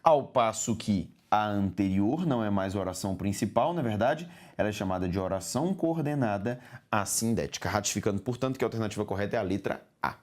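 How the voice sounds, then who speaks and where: Brazilian man, grammar teacher, recorded prep lesson, slow syllable spelling, emphatic rising checks. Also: lowish voice, lively intonation. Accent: Brazilian Portuguese. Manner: didactic, addresses student directly with frequent "ok?".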